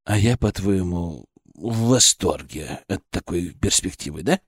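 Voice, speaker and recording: A man voicing a gruff, blunt, middle-aged male surgery chief who teases and bosses his colleague. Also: low voice, expressive, a little slow, no room sound, clean studio sound, pitched below the performer's own voice, heavily acted. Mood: gruff teasing. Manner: teasing, blunt, bossy.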